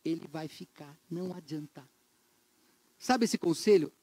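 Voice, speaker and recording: A middle-aged Brazilian man preaching a sermon as pastor, animated, acting out quoted complaints and dropping to a hushed voice for emphasis. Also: a little slow, no room sound. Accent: Brazilian Portuguese. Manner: animated, acts out quoted complaints with sudden pitch jumps; drops to a hushed low voice for emphasis.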